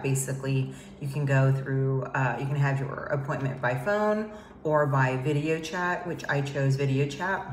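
In a loosely chatty vlog to camera, a woman with a low voice rambles along with plenty of fillers, her speech stuffy from a head cold. She's talking from a home office that's been emptied out, so the room echoes, and there's a bit of background noise.

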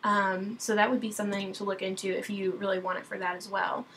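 A young woman talks through a screen-recorded tutorial at her computer, chatty and loose, full of ums and self-corrections. Her voice sits at a middle pitch for a woman. A faint hiss of room noise hangs behind her. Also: little pitch movement, fast talker, fairly bright tone, low-quality recording. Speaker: wedding photographer teaching software.

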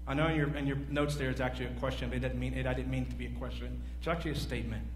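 Talking very fast in a mid-range voice, a forty-something pastor paces a large church stage with lively gestures, quizzing his congregation as he preaches. The hall echoes, and a faint hum runs through the recording.

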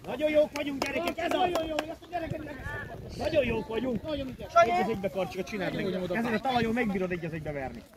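A man with a very high voice cheers and yells from the sideline of an outdoor football pitch, with spectators chattering around him. He calls players by pet names and swears without a second thought. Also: lively intonation, pauses often. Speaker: spectator at a village football match. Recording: outdoor crowd noise.

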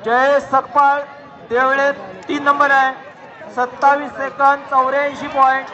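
High-voiced man announcing over a loudspeaker. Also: unhurried. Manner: steady announcing cadence, repeats times and warnings. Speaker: race announcer. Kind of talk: live race commentary and results calling. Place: outdoor race ground. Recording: lo-fi loudspeaker sound over a crowd outdoors. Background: large crowd.

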